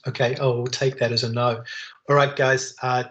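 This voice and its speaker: A man's voice: medium pitch, flat delivery, moderate pace, a bit bright, muffled recording. An Australian man teaching an online class over a video call, talking in rambling runs full of fillers, restarts and long chains of adjectives. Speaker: lecturer.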